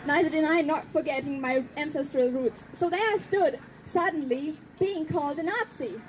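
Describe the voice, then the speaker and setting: This activist from Germany, whose first language is German, gives a prepared speech in a high voice, earnest and pointed, slowing for emphasis. The recording is low quality, with a slight hiss or hum.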